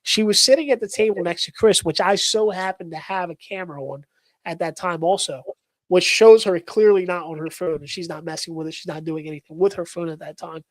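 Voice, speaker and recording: A man, a paranormal investigator, telling a spooky story in casual live-stream chat, excitable and full of fillers. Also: high voice, fairly quick, no echo, low-quality recording.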